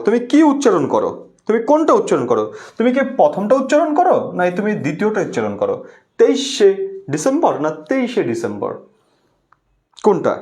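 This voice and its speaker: Animated, high-voiced male teacher. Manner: repeats key words, asks students to comment. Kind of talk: online class lecture.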